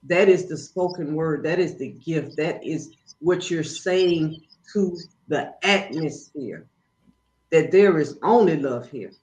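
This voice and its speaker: A woman guest in casual spiritual conversation, telling stories in an animated, preachy way. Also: sits low, takes it slowly. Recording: roomy, dull, faint noise.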